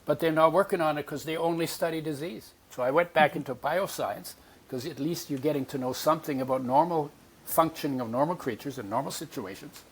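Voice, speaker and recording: The audio is poor here, and the man's voice comes across a little high, a little fast, and slightly rough. He's in his eighties, Polish by birth, and as a podcast guest he brings his life story alive by acting out remembered voices.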